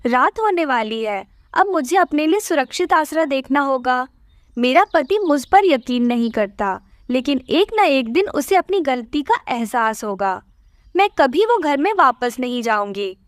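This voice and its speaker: Cartoon role: woman as a sweet, humble young wife bird, very high voice, dry sound. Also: big pitch swings, measured pace, no room sound. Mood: resolute. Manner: polite, soft-spoken.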